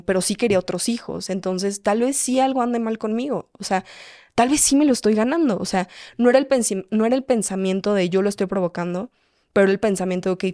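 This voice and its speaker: A young woman tells a personal story in a halting, restarting way, with a voice of middling pitch. She is recorded close on a podcast mic in a dry space with no room echo. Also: a little mellow. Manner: quick, halting, frequent restarts and "o sea". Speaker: podcast host.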